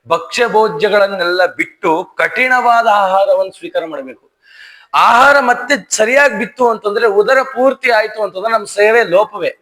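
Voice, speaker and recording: High-voiced, bright male preacher. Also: rough recording. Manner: animated, conversational retelling. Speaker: religious discourse speaker. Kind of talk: devotional storytelling sermon.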